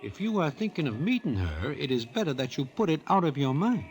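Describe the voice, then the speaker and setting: In an old-time radio comedy, an actor plays a streetwise gambler's sidekick and storyteller, delivering stilted, formal slang deadpan in a New York accent. The male voice is a little high and fairly quick, with faint music in the background.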